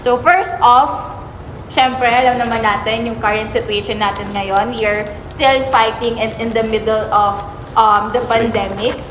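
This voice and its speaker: A woman's voice: fairly high pitch, steady tone, moderate pace, a bit bright, a little hiss or hum. A woman with a Filipino accent hosting a casual podcast chat while eating, upbeat and switching between English and Tagalog. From Philippines. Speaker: membership consultant and podcast host. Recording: echoey room.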